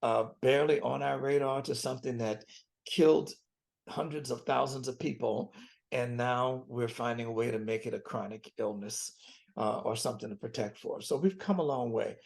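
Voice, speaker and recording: Gravelly older doctor guy in his 70s, earnest and preachy, repeats stuff for emphasis. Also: medium pitch, steady tone, moderate pace, darkish tone. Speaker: physician guest. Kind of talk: interview conversation.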